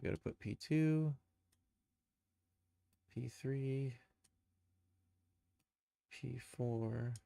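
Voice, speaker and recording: With studio-quality, room-free audio, a streamer who also develops games and animates thinks aloud informally while hosting a casual live screen-share tutorial. He has a mid-range voice that is gravelly yet clean in tone.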